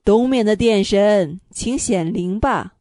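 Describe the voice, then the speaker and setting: A woman's voice: medium pitch, animated, unhurried, slightly rough, no room sound, studio quality. A woman voicing an earnest, confident young boy who is an apprentice shaman, in a children's storybook reading. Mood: calling out. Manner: earnest, calls out loudly when summoning.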